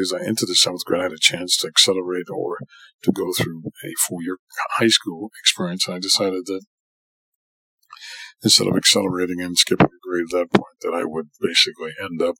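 A middle-aged man from New York City, a surgeon and professor, delivers an earnest autobiographical podcast monologue, frequently rephrasing for emphasis. His low, sharp voice has vocal fry and slight roughness, captured without room sound on a low-quality recording.

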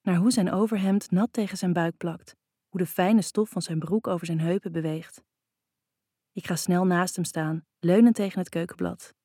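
Warm low-voiced woman narrating intimately. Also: steady tone, moderate pace, dry recording, studio quality. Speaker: audiobook narrator. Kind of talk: first-person scripted narration.

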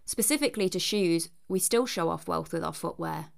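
A woman's voice: on the low side, normal speed, vocal fry. A woman giving a scripted narration with chatty asides in a wry, cheeky, conversational manner.

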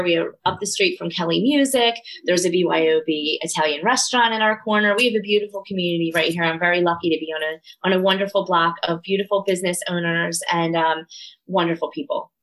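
A woman's voice: lowish voice, fairly quick, fairly bright tone, rough recording. Earnest woman with a Delco accent. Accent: Delco (Philadelphia area). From Delaware County, Pennsylvania, US. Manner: earnest, enthusiastic. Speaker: yoga studio owner, interview guest. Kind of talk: casual interview chat.

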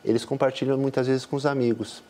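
Male doctor guest, calm explainer with a mellow tone. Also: medium pitch, fast talker. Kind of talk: expert guest in an interview.

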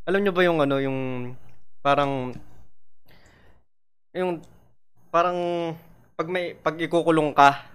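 A man's voice: on the high side, fairly even intonation, slow pace, pauses often, fairly bright tone, smooth. A young man in casual chat with friends who stumbles over his words and fills gaps with fillers.

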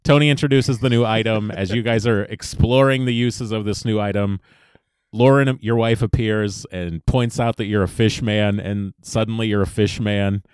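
Brief: young male podcast host, low smooth voice, dry and reflective. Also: steady tone, moderate pace, darkish tone, no room sound. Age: young adult. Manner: easygoing, reflective, dry humor. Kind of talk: casual chat.

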